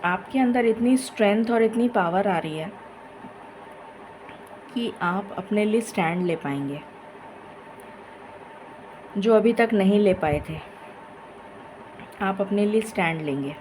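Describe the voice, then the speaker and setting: A woman giving a tarot reading in a slow, effortful way, tired and with a dry throat. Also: medium pitch, a little mellow, slight background noise, low-quality recording. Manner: slow, tired, effortful Hindi-English mix with many pauses. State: low energy, dry throat. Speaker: tarot reader. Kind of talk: casual tarot reading to camera.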